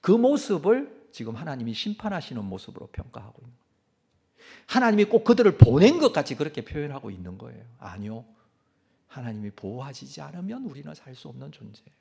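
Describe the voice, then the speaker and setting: Man, pastor, sermon, husky, animated pitch, rhetorical questions. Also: quick pace. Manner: rhetorical questions, then answering them.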